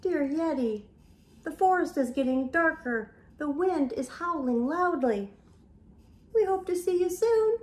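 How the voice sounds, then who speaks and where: An older woman sits in a room at home reading a picture book to young kids for the camera. Her high-pitched voice keeps a measured pace, her telling is lively with gasps and whispers, and the space is reverberant.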